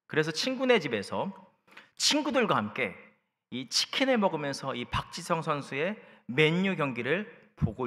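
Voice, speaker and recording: A man in his thirties preaching a youth service sermon, telling stories with humor and speaking directly to the congregation. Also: mid-range voice. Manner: lively storytelling with humor, addresses the congregation. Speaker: pastor. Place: church sanctuary. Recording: long church hall reverb.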